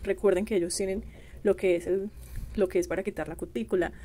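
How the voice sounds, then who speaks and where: A woman's voice: mid-range voice, fairly even intonation, brisk, warm tone. Gushing Medellín-accented woman vlogger. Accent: Colombian, from Medellín. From Colombia. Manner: chatty and gushing, calls viewers "chicas" and "mis amores". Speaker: beauty vlogger. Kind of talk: casual product review for viewers.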